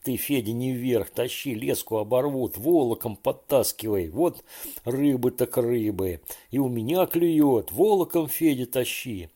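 A man's voice: medium pitch, unhurried, warm tone, pitched above the performer's own voice, natural voice. A man voicing an anxious boy who frantically pleads and cries out over the fish. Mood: frantic pleading.

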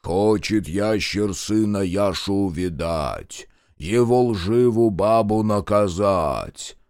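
A man's voice: fairly low pitch, slow, a little mellow, clean tone, no room sound, clean studio sound. A man voicing a stocky pompous official who drawls and chants in a trained voice. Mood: chanting.

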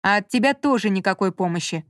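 Женщина в аудиокниге читает реплики ворчливого раздражённого мужчины, занятого делом. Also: female voice, mid-range voice, animated, normal speed, dry recording, clean studio sound, natural voice. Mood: irritated. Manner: grumbling, irritable, muttering. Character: grumpy man absorbed in work, snappish. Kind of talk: audiobook character reading.

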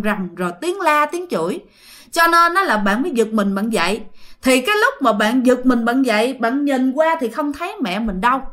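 A woman telling a ghost story in a chatty, animated way. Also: high voice. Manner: animated, chatty, many fillers.

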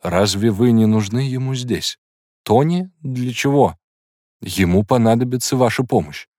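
A man's voice: medium pitch, a little slow, darkish tone, dry recording, studio quality, voice pushed up, natural voice. A man reading an audiobook, voicing a proud, tormented woman in an emotional, intense manner. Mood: tense.

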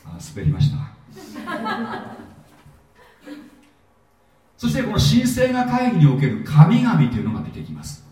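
Lively man teaching in an echoey hall. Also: high voice, a little slow, long pauses. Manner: lively, jokey, asks the audience questions. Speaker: pastor and seminar teacher. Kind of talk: sermon-style Bible seminar lecture. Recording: echoey hall, mic at a distance.

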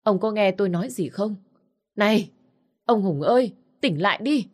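A middle-aged male neighbor, roused from sleep and quickly alarmed, fires off brisk questions and calls out loudly, voiced by a woman narrator. The voice stays low and quick in this storybook telling. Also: slightly rough. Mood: calling out.

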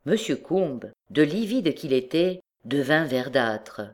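A woman narrating a classic novel as an audiobook, with measured, expressive storytelling. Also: sits low.

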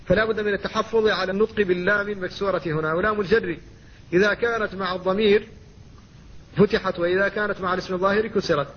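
A middle-aged man with a Mauritanian Arabic accent, teaching Quran recitation with slow, careful demonstrations of pronunciation. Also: high voice, slightly rough, highs cut off. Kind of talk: explanatory lesson on tajweed.

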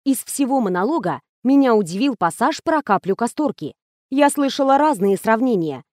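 A woman reading a first-person detective story aloud as an audiobook narrator, in a measured storytelling way. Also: a little high, animated, a little mellow, dry recording, studio quality.

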